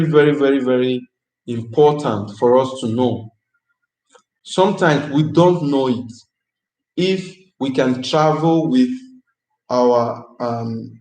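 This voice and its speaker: A man hosts a live-stream chat, answering viewers' questions in a chatty, upbeat way. He repeats his phrases as he talks. His voice sits at a middle pitch and carries a noticeable roomy echo. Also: a little mellow.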